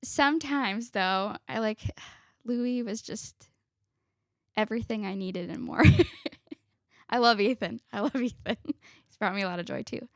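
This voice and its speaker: A woman's voice: medium pitch, measured pace, dry recording, studio quality. A woman in her twenties, a guest on a family podcast, chatting casually and laughing often, sometimes backtracking mid-sentence. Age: 20s.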